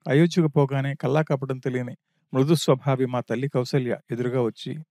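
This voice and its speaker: A man's voice: medium pitch, fairly even intonation, brisk, dark tone, no room sound, clean studio sound, close to an everyday voice. A man voicing a grieving prince who laments his lost wife in a stream of anguished questions.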